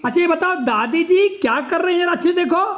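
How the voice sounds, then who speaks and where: A woman teaching young children in a classroom, coaxing them and repeating words slowly for them to say back. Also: extremely high pitch, animated, a crowd in the background. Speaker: primary school teacher.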